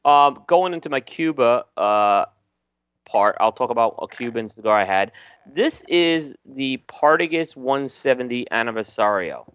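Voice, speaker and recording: A podcast co-host reviews cigars in a casual chat, talking at ease with frequent ums and restarts. His mid-range voice is smooth and measured, and the recording is dry.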